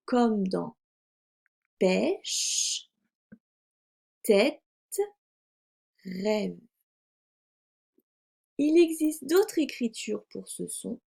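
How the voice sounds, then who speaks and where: A woman teacher giving a recorded phonics lesson to young children, articulating slowly and carefully. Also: on the high side, creaky, mellow, husky. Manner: slow, careful, over-articulated delivery. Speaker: primary school teacher.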